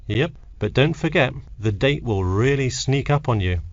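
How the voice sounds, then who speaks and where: A man playing a helpful, matter-of-fact university tutor in a scripted textbook dialogue, with deliberate intonation. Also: mid-range voice, expressive, no echo, muffled recording, natural voice. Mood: advising. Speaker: academic adviser in a listening-test dialogue.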